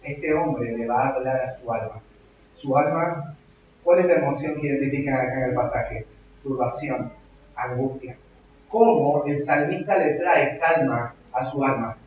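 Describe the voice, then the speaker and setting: A young adult man with a Rioplatense Argentine accent, preaching a sermon in a church hall, shifting from hushed reflection to loud emphatic exhortation. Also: mid-range voice, unhurried, a little hiss or hum. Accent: Rioplatense Argentine Spanish. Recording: very echoey hall, distant, dull.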